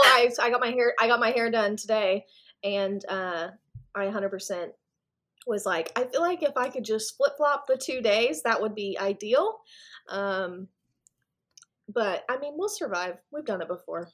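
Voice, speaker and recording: A young woman with a fairly high voice co-hosts a casual podcast. She is chatty, laughs a lot and swears offhandedly. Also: animated, moderate pace, pushed and bright. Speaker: podcast co-host.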